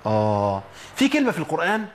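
A man with an Egyptian Arabic accent, his voice a little higher than most men's, teaches the rules of Quran recitation. He explains patiently and stretches out each example word slowly. Faint noise sits under his voice throughout. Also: huge pitch swings. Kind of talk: tajweed lesson on a program.

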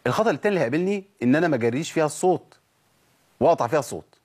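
A man's voice: a little high, animated, racing, darkish tone, slightly rough. A man with an Egyptian accent teaching Quran recitation, explaining mistakes and sounding out letters again and again. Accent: Egyptian Arabic. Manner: repeatedly demonstrates letter sounds aloud. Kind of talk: tajweed lesson.

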